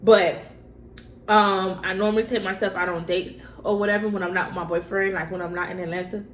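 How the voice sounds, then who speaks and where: A young woman vlogger with a steady, mid-range voice talks a little fast while eating on camera for a mukbang. Answering personal questions, she's casual and slangy and says things twice for emphasis, with room echo and faint noise around her.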